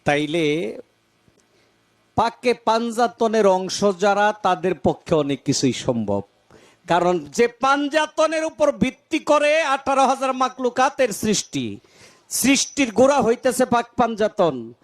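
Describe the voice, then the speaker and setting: High-voiced preacher telling a story. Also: male voice, big pitch swings, measured pace. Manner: colloquial, addresses listeners as "baba", voice rises and falls dramatically. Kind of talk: storytelling sermon.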